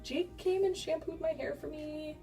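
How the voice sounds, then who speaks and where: A woman's voice: sits high, fairly even intonation, moderate pace, dark tone. A young American woman chatting casually and candidly, telling stories with swearing and acted-out dialogue, giggly at times. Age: young adult. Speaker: beauty vlogger. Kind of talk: casual chat with storytelling. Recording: distant mic with music behind.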